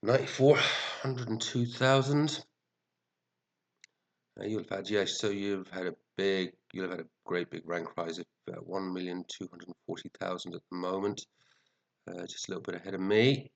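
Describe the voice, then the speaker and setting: A man's voice: deep voice, fairly even intonation, normal speed, creaky. A man with a stuffy head cold, chatting and muttering his way through casual, mildly sweary commentary as a show host. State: sniffly, congested with a head cold. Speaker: fantasy football show host. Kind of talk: casual rambling commentary reviewing team scores.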